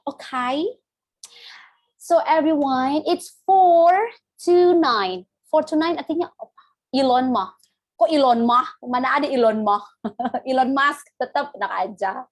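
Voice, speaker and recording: Woman English teacher, high voice, unhurried, playful, code-switching, on a video call. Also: lively intonation. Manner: mixes Indonesian and English, playful, laughs often. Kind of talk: live online class.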